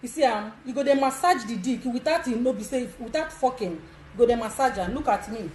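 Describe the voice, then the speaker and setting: Nigerian woman with a high voice, bold and laughy, echoey room. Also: brisk, darkish tone, slight background noise. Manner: bold, laughing, demonstrative, mixes pidgin. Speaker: vlogger giving advice. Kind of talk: casual instructional chat.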